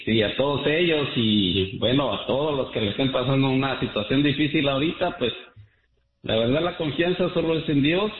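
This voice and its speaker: A man from Guatemala calling in to a radio show, speaking earnestly and gratefully with many hesitations. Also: medium pitch. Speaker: caller. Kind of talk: call-in radio chat. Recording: echoey tinny phone line.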